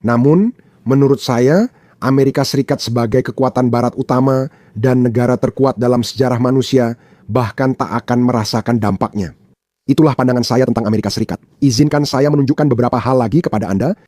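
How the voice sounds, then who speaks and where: Mellow-voiced man giving emphatic commentary. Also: mid-range voice, a little fast, dry recording, studio quality. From Pakistan. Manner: emphatic, repeats points for effect. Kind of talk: opinionated commentary.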